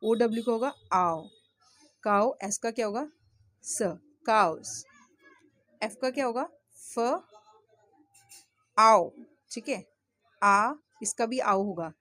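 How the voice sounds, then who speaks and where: A woman teaching English to children, slowly spelling out words letter by letter, often checking in with the learners. She speaks English with an Indian accent. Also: on the high side, fairly bright tone, dry recording. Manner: slow, patient, spells words letter by letter and asks questions; often checks in with "theek hai?". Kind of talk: spoken English lesson for children in Hindi.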